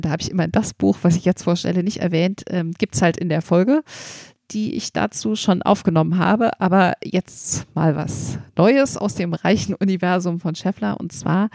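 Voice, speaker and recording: A woman's voice: on the low side, vocal fry, warm tone, no room sound, clean studio sound. A woman hosting a podcast, talking casually in a chatty way with many fillers and restarts. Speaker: podcast host recommending children's books.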